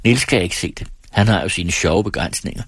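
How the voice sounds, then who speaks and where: A man voicing a teasing, restless young married woman in a read-aloud story, in a lightly mocking, quick manner. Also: low voice, fairly bright tone, slightly rough, no echo.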